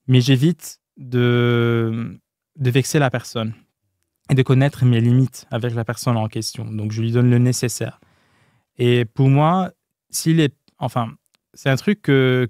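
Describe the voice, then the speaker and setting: A man speaking French as a second language with a foreign accent, talking casually and candidly as a podcast guest, often pausing and rephrasing. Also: medium pitch, a little mellow, no room sound, clean studio sound. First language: not French. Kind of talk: casual, candid interview talk.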